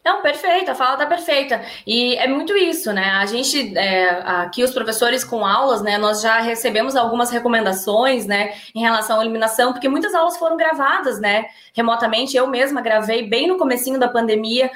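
A woman professor talking in a lively class discussion, often adding tag questions and acting out quoted lines. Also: on the high side, fairly quick, hardly any pauses, roomy sound. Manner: animated, tag questions, acts out quoted speech. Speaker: university professor.

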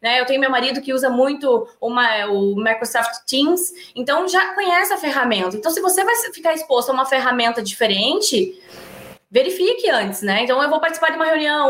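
A woman professor talking in a lively class discussion, often adding tag questions and acting out quoted lines. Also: high-pitched, echoey room. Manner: animated, tag questions, acts out quoted speech. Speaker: university professor.

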